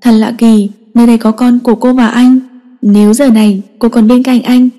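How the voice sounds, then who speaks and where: A woman narrating a dramatic story in a steady, emotive reading. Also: a little high, normal speed. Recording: long echoing reverb.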